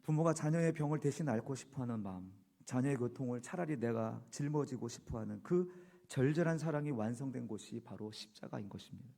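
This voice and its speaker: A man preaching a Sunday sermon as senior pastor, earnestly leading his congregation in reading aloud and moving between soft low asides and loud emphatic peaks. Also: expressive, a little fast, creaky. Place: church sanctuary.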